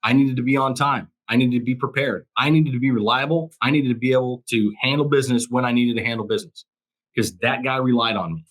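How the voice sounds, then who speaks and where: Emphatic former cop as guest. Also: male voice, medium pitch, fast, a bit bright. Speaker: guest, former police officer and crisis coach. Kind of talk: casual interview conversation.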